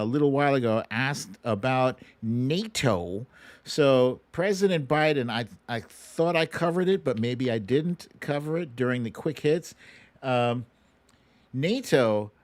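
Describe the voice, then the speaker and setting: A middle-aged American man with a mid-range voice hosts a political commentary livestream, heard in a dry recording. He chats with viewers and takes their questions in an informal, slangy, plain-spoken way.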